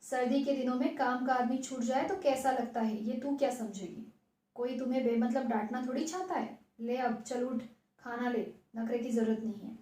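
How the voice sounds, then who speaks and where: A woman's voice: high voice, normal speed, mellow, lightly acted. A woman reading as a stern scolding mother. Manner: scolding, then wryly resigned. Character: scolding middle-aged mother, wry and stern. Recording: echoey room.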